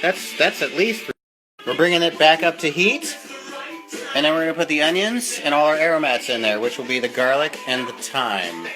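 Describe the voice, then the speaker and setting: A chatty home cook with a fairly high-set voice talks through a casual cooking demonstration. The delivery is informal and loose with the odd curse. Music plays behind, along with the sizzle of frying food. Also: poor audio. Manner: chatty, casual, mildly profane.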